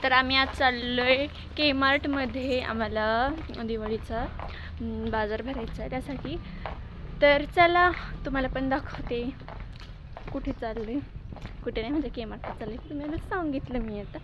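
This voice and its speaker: A woman's voice: high voice, moderate pace. A young woman chatting to her phone camera outdoors on a vlog, talkative and teasing, laughing often. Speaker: vlogger. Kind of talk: casual vlog chat to camera. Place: outdoors on village lanes and at a bus stand. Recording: noisy outdoor phone recording. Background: loud street noise.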